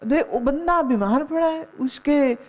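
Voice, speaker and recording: Speaking a little slowly in a high voice, a middle-aged woman spiritual teacher gives a Gita discourse. She tells stories, admonishes the audience, and slips in English phrases.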